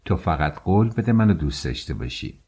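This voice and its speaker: A man's voice: sits low, big pitch swings, darkish tone, slightly rough, heavily acted. A man doing a lovestruck young woman. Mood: pleading.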